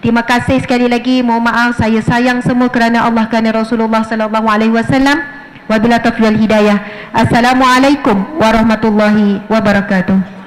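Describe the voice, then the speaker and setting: A middle-aged Malaysian woman with a Malay accent, giving a lively mosque lecture to women and acting out little scenes as she preaches. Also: on the high side, fairly quick, rough recording. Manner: lively, acts out little scenes in her speech. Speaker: religious teacher. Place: mosque prayer hall.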